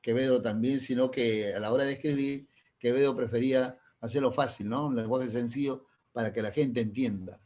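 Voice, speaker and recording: Man, Peruvian accent, classroom lecture, everyday examples, frequent check-in questions, mid pitch. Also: fairly even intonation, brisk, a little mellow. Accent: Peruvian Spanish. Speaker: teacher.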